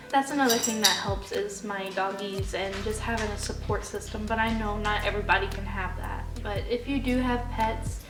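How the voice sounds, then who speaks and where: A woman's voice: mid-range voice, moderate pace. Twenty-something woman, heartfelt vlog pep talk, cusses a lot, roomy echo, music going. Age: 20s. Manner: earnest, encouraging, swears casually. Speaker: vlogger. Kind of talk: unscripted heartfelt talk to camera. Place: home room with her dogs. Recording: echoey room, distant mic, loud music behind.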